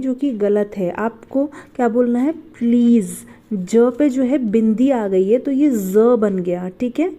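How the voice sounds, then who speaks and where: A woman teaching a beginner English class, spelling each word and asking her listeners back before giving the answer again. Her voice sits a little high but sounds soft and mellow. She explains one step at a time and repeats herself patiently. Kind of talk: step-by-step spelling and pronunciation lesson.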